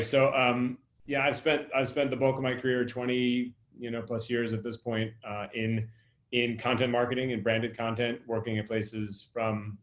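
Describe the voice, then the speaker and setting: A man in his forties introducing himself as a board member on a conference call. He talks haltingly, with many fillers and restarts, and his call audio cuts out at times. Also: on the low side, fairly bright tone. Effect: conference call audio, cutting out at times. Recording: echoey room over a conference call line.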